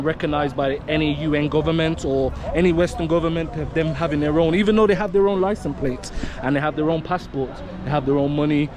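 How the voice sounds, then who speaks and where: English man in his 30s, travel vlogger, casual, slightly high voice, street crowd chatter behind. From England. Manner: simplified broken English with locals, animated. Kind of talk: casual vlog chat. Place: outdoors on a busy city street. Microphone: handheld camera at arm's length. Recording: outdoor street with loud chatter. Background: crowd of people and traffic.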